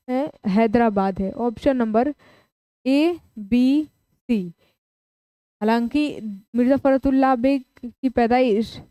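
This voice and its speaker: Brisk teacher, smooth mellow higher voice. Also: female voice, dry recording. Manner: brisk, repeats options and answers aloud; prompts students to answer in the chat. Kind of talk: live online exam-prep class.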